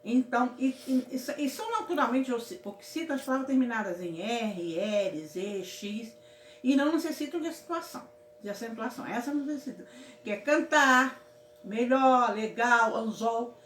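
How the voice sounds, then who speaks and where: A woman from Brazil teaching a casual grammar lesson in a fairly high voice. She keeps checking in with her students in an affectionate way. The room is echoey, with a faint hum of ambience behind her. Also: fairly quick. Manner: affectionate, repeats "certo, meus amores?".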